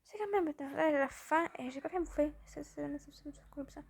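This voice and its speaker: A woman chatting through gameplay commentary, rambling and excitable, a little tired from just waking up. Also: high voice, normal speed, vocal fry. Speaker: gaming channel host.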